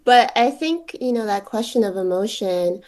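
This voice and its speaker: A woman's voice: medium pitch, moderate pace, a little mellow. A woman poet and teacher answering interview questions in an informal, reflective way, thinking aloud as she goes.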